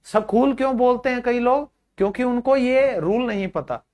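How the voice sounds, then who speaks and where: A man's voice: extremely high pitch, normal speed, a little mellow. A man teaching English pronunciation in a video lesson. He explains patiently, repeats each drilled word, and calls his viewers children and friends.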